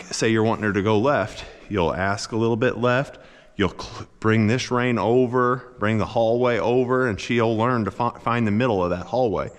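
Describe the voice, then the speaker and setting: A man working as a horse trainer, coaching a rider in a folksy, encouraging way and cooing softly to the horse. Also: lowish voice, big-room sound. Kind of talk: instructional coaching.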